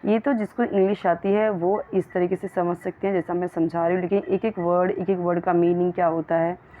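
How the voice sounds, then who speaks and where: A woman teaching spoken English to beginners, patiently explaining and saying each example sentence slowly and carefully. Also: fairly low pitch, little pitch movement, a little hiss or hum. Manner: explains patiently, addressing learners as children. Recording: tinny phone-like audio.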